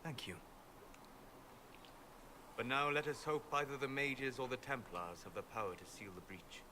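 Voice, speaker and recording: An actor playing a calm, scholarly mage in a video game, speaking in a measured, wistful, formal way like a guide to dreams. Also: male voice, mid-range voice, a little hiss or hum, lightly acted. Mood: guarded. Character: calm, scholarly apostate mage, a male dreamer of ancient memories.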